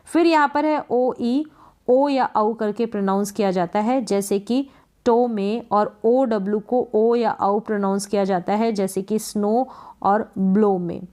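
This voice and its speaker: Woman teaching english spelling sounds, patient, repeats every rule and example word, middle pitch. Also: unhurried, warm tone. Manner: patient and repetitive, restating each rule. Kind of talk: explaining phonics rules, reading letter pairs and example words aloud.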